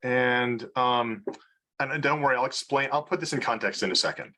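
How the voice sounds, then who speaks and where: A man's voice: medium pitch, normal speed, bright, forceful tone. A man giving an informal research seminar talk on mathematics over a video call, hesitant, with many fillers and restarts. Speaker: mathematics lecturer.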